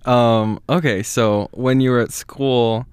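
A young man hosts a relaxed podcast interview, asking brief, friendly questions and laughing often. His voice is clear and smooth. The sound is dry and close to the mic. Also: mid-range voice, slow, dry recording. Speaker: podcast host, student. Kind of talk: casual interview conversation.

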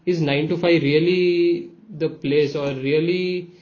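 Young male co-host, Indian accent, fairly high voice, explanatory podcast chat, slightly dull recording. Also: steady tone, slow pace. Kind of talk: casual podcast discussion.

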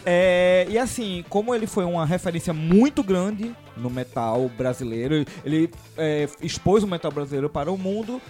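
A man's voice: high-pitched, animated, moderate pace, a little mellow, faint music behind. A man with a Recife accent hosting a casual podcast chat in a jokey, teasing way, moving the group from topic to topic. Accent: Recife, Pernambuco. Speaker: podcast host.

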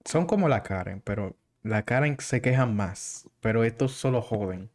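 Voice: mid-range voice, moderate pace, a little mellow. A host, chatting casually and bringing up topics. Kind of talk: casual chat.

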